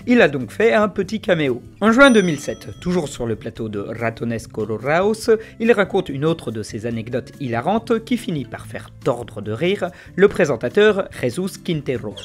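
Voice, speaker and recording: Fast-talking male web host, animated. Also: a little high. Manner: rapid, animated delivery; sarcastic asides. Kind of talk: scripted commentary. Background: faint background music.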